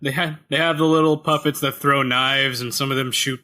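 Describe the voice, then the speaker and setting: A man's voice: mid-range voice, steady tone, fairly quick, pushed and bright. A man co-hosting a casual gaming podcast, joking and punning as he reviews a game, talking into a headset. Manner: punny, jokey, slips into mock voices. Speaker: podcast co-host.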